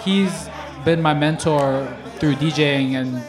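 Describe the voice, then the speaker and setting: A man from Singapore, a DJ guest on a radio show, talking in an easygoing, relaxed way. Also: a little high, unhurried, crowd noise. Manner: easygoing, relaxed storytelling with fillers. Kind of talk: casual interview chat. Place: storefront of a music bar. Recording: live radio broadcast with music behind. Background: music playing.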